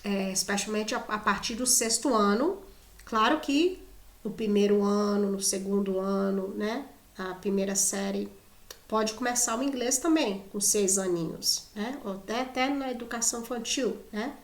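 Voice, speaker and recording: A woman's voice: medium pitch, moderate pace, echoey room. A Brazilian woman teaching English in casual Portuguese, chatty, often adding "né?" and restarting words. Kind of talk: casual video lesson.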